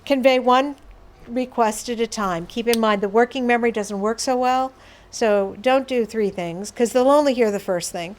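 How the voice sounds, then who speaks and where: A woman's voice: fairly high pitch, normal speed. Woman giving a conversational workshop talk. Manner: conversational, explains with examples and asides. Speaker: workshop presenter. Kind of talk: educational talk on behaviour management. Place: presentation room with audience.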